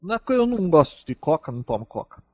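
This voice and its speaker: A man with a Brazilian Portuguese accent chatting over a call, telling lively travel stories in an animated way. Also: a little high, quick pace, slightly rough, dry recording, dull audio. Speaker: traveling podcast guest. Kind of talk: casual chat over a call.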